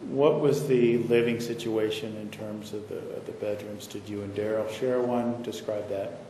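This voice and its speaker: A man questioning a witness as an attorney, asking measured, leading questions, in a courtroom recording. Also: fairly low pitch, fairly even intonation, warm tone, a little hiss or hum. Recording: echoey courtroom audio from far off.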